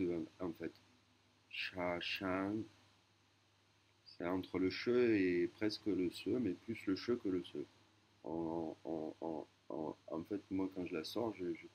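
Male teacher, very low pitch, slow unhurried delivery with hesitations and self-corrections. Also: darkish tone, dull audio. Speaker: Thai language teacher. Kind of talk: explanatory lesson.

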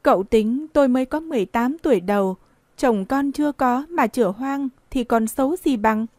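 A woman's voice: high-pitched, normal speed, a little mellow, no echo, close to an everyday voice. A woman voicing a proud, desperate pregnant girl of eighteen in an audiobook, pleading and indignant. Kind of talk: audiobook dialogue reading.

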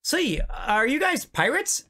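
A man's voice: very high-pitched, very animated, measured pace, bright, forceful tone, pitched above the performer's own voice, full character voice. A man voicing a young male would-be pirate who is squeamish and dryly sarcastic. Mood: wry. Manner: dry, sarcastic asides.

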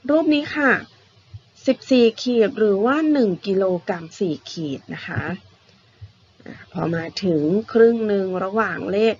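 A woman's voice: medium pitch, expressive, measured pace, a little mellow, highs cut off, a little hiss or hum. A woman teacher giving a patient, repetitive math lesson to young primary school pupils, often ending her phrases with polite particles.

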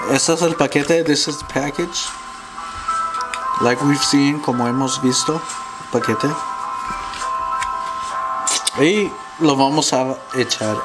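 Here a man of medium pitch speaks slowly as he narrates home cooking, saying every phrase in both English and Spanish. The poor-quality audio comes from a camera mic behind the camera in his home kitchen, and music plays underneath.

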